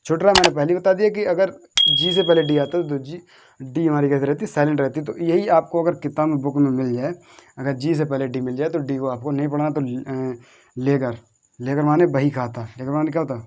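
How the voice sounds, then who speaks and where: A man's voice: a little high, fairly even intonation. A man teaching a lesson on English spelling, repeating each word and spelling it out letter by letter, asking questions and answering them himself. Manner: repetitive, drills words slowly letter by letter.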